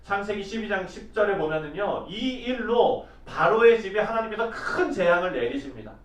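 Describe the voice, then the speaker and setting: A male pastor giving an early-morning sermon, reading scripture slowly and asking his listeners questions in a conversational way. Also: high-pitched, expressive. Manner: reads scripture slowly and deliberately. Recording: echoey room, voice distant from mic.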